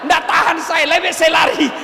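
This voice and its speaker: A man voicing a grumpy old male spirit of a well, shouting exasperated complaints in an echoey hall. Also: very high-pitched, little pitch movement, normal speed, vocal fry, some chatter behind, voice pushed up, full character voice.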